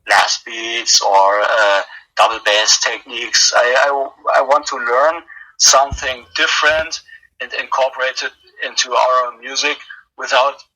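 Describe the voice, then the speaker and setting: A man's voice: mid-range voice, steady tone, measured pace, sharp tone, low-quality recording. A man who drums in a metal band, giving a casual interview while drunk, rambling with lots of hesitations and jokes. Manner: rambling, hesitant, tipsy and joking.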